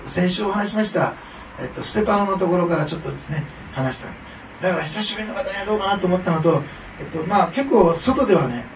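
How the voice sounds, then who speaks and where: A man's voice: sits high, slight background noise. A man preaching a sermon to his congregation in a conversational way, with frequent fillers and asides. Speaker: pastor. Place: church hall. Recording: echoey hall, mic from far off.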